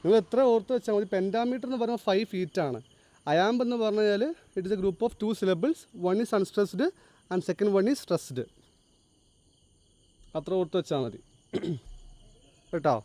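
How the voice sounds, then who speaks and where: A male teacher giving a classroom lecture, explaining step by step, quizzing his students and reading English lines slowly and deliberately. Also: high voice, animated, warm tone, no room sound. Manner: explains, then asks the class to answer.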